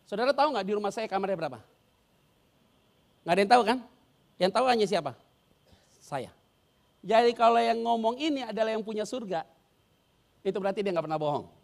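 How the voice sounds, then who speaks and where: A male pastor with a high, creaky voice delivers a sermon full of stories. He acts out the scenes, slips into casual slang, and quizzes his congregation as he goes.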